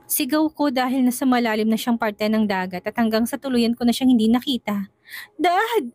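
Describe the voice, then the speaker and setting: A woman's voice: fairly high pitch, fairly quick, darkish tone, dry recording, soft background music. A woman narrating a first-person romance story in an emotional, tearful way.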